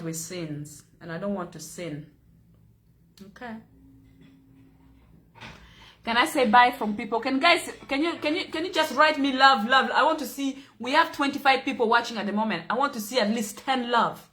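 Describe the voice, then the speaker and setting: A young Ugandan woman with a Ugandan accent runs a casual livestream chat, joking and teasing and frequently laughing along with viewers. Her voice is on the high side and a bit bright.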